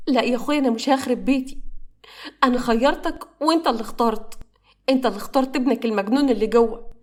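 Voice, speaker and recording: امرأة تؤدي هبة، زوجة شابة خائفة ومُصرّة بلهجة مصرية. نبرتها أعلى من المعتاد وكلامها سريع. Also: female voice, sits high, a little mellow, close to an everyday voice. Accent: Egyptian. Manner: fearful, insistent. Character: frightened demanding young wife Heba.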